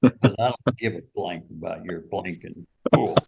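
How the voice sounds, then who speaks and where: A man's voice: deep voice, moderate pace, creaky, a little mellow, breathy edge, pitched below the performer's own voice, full character voice. A fuming, short-tempered male golfer snaps and barks his complaints, as a man retells the scene. His voice stays close to the teller's own, with a salty edge. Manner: angry, snapping.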